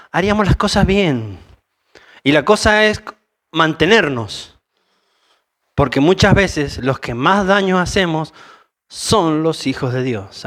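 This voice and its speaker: A man with a Rioplatense Spanish accent preaches a conversational sermon, blending Bible reading with informal asides. His voice is a little high with a fairly bright tone.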